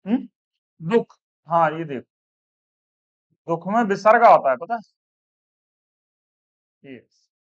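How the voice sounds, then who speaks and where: A male teacher from India dictating words to a class one by one, repeating each slowly. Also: fairly high pitch, expressive, no echo. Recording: dull, dry classroom recording.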